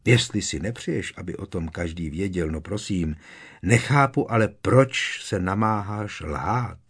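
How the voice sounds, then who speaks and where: A man's voice: low-pitched, expressive, slightly rough, full character voice. A man voicing a sulky, sarcastic teenage boy wizard in an audiobook, with a doubtful drawl. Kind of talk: audiobook character reading.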